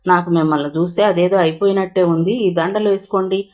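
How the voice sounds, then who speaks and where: A woman reading a novel aloud, voicing a brisk, slightly bossy young woman friend. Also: on the low side, steady tone, darkish tone, close to an everyday voice.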